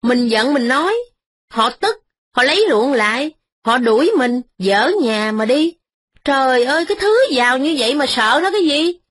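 A woman's voice: high-pitched, lively intonation, moderate pace, fairly bright tone, no echo, pitched above the performer's own voice. A woman voicing an indignant poor peasant wife who scolds in bursts. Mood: bitter.

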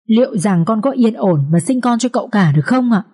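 A scheming young maidservant pleads and whines, her voice lifted high and tearful, as a woman reading the story puts her on. Beneath the mellow tone she sounds needy and sly. She plays the victim in front of the matriarch. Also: measured pace. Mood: whining.

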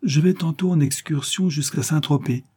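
A man's voice: a little high, normal speed, dark tone, breathy edge, voice pushed up. A man putting on a breezy young woman swimmer.

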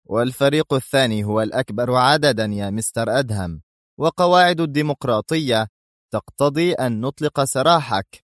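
A man's voice: mid-range voice, brisk, no room sound, studio quality, voice pushed up, natural voice. A man reading a story, voicing a stern, gloating mercenary general who gets angry. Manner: firm, angry bursts.

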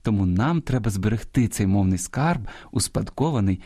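On a radio language program, the male host reads a scripted lesson, addressing his listeners directly in a measured, teacherly and didactic manner. His voice sits fairly low and is expressive.

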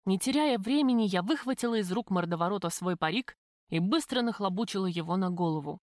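Woman narrator for a first-person audiobook, expressive, mid pitch, dry close sound. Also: a little fast, no room sound. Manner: lively, expressive reading.

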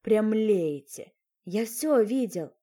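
A woman's voice: medium pitch, lively intonation, slow, warm tone. A woman voicing a spiteful young man turned into a frog, snapping and sarcastic. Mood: angry.

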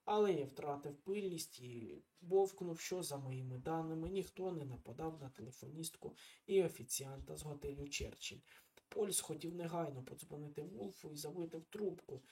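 A man narrating a detective story in the first person, with a wry, steady delivery. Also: a little high, normal speed. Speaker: audiobook reader.

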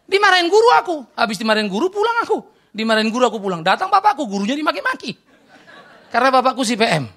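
Lively, gravelly male preacher. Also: very high-pitched, rapid-fire, a faint crowd. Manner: lively storytelling with quoted dialogue and asides; swings between loud exclamations and quiet confiding. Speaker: pastor. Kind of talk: sermon.

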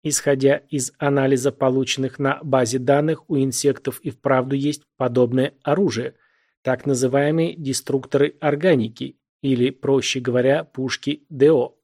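A man voicing a teasing male ship AI hologram in an audiobook, slow and dry. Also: mid-range voice, steady tone, darkish tone, lightly acted. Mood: matter-of-fact.

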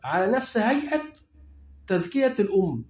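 A male religious teacher with an Egyptian accent, lecturing a class and quizzing the students with quick questions. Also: high-pitched, big pitch swings, darkish tone. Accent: Egyptian Arabic. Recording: echoey room, dull lo-fi sound.

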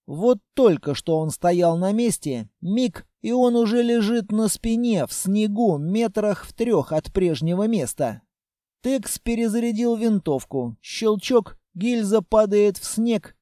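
Male audiobook reader, high-pitched, slow, first-person narration. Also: expressive, dark tone, dry recording, studio quality.

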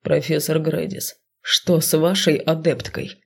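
A gravelly, stern male magister of magic from a fantasy audiobook, played by a woman narrator who puts on a low, rough voice. He speaks slowly and curtly, firing off demanding questions with heavy fry at the bottom of his voice. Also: level tone, heavily acted.

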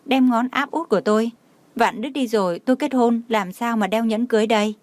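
A woman's voice: a little high, a little fast, no room sound, natural voice. A woman voicing a playful young man who cries out and pleads when hurt, for an audio novel. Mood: whiny complaining. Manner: crying out in pain, pleading.

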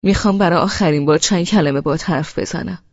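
Sardonic needling man voiced by a woman narrator, gravelly, husky, dry dull audiobook sound. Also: on the low side. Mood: mocking. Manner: teasing, needling, then shouting. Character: sardonic adult man, mocking then angry. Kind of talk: audiobook dialogue reading.

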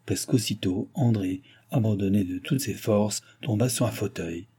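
A male audiobook reader tells a classic novel in a measured, expressive way. His voice is deep-set and very dark, with a husky, slightly rough grain. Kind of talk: literary audiobook narration.

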